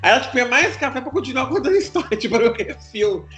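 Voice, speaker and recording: Woman co-host, animated storyteller, wide pitch, mimics family voices, soft music bed. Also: rapid-fire. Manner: animated, acts out family members in quoted voices. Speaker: podcast co-host. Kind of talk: casual storytelling chat.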